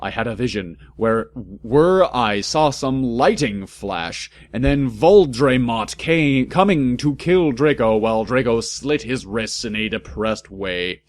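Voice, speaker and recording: In an expressive mid-range voice, a man gives a comic, mock-serious dramatic reading of badly written fan fiction, deliberately voicing its misspellings and mistakes and throwing in his own asides.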